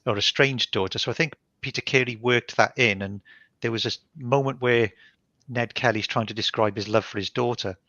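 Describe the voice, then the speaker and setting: Heard over online call audio that's muffled, with no room sound, this Welsh-accented author from Barry, South Wales, talks in a mid-range, sharp-toned voice at a slightly quick pace. Being interviewed, he reflects on his choices in a thoughtful, conversational way, frequently restarting and saying "um."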